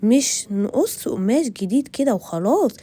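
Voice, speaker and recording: Egyptian lady doing a kind old granny, encouraging, mellow voice. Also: on the high side, expressive, moderate pace, slightly rough. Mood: gentle.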